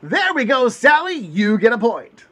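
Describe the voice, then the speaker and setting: A man's voice: very high-pitched, very animated, unhurried, a bit bright. A man hosting a puppet comedy game show with a bombastic showman manner. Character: orange furry host puppet.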